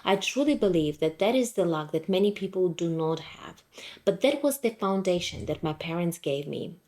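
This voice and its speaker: A woman from Ukraine in her thirties with a lowish voice delivers a scripted motivational talk. She speaks in a firm, direct and emphatic way. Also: lively intonation, normal speed, darkish tone. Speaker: motivational vlogger.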